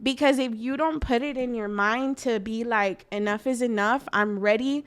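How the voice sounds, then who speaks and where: Earnest young woman, smooth voice. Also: on the high side, moderate pace. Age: 20s. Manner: earnest, reflective, uses "like" often. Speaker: interviewee. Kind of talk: candid personal interview.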